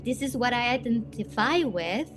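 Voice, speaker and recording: A woman's voice: a little high, lively intonation, normal speed, music in the background. A woman from Costa Rica, a watercolor artist in her thirties, talking thoughtfully about her work with many fillers. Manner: thoughtful, with frequent fillers and soft laughs. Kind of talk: reflective personal interview.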